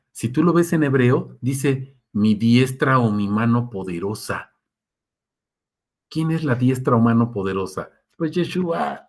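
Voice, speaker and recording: A man's voice: mid-range voice, husky. A man preaching a sermon in a conversational way, speaking, often checking with listeners and acting out quotes. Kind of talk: sermon with live Q&A.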